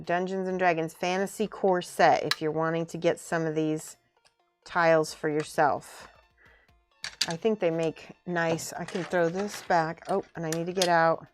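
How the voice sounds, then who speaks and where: A woman chatting casually on a live stream as she works on a craft, informally thinking aloud and muttering to herself. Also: on the low side. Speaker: streamer building and painting miniature models. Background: music.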